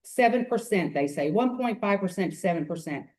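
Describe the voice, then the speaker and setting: This woman's pitch is medium and her intonation lively; she talks fairly quickly, with a slightly mellow quality. She has a Southern Memphis, Tennessee accent and is delivering rambling, earnest public comment at a hearing through a podium microphone.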